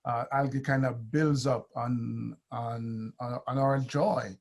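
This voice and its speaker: A man hosts an interview in a gravelly voice. He asks his questions unhurriedly and fills his pauses with soft verbal fillers. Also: mid-range voice, steady tone. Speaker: host. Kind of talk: conversational interview.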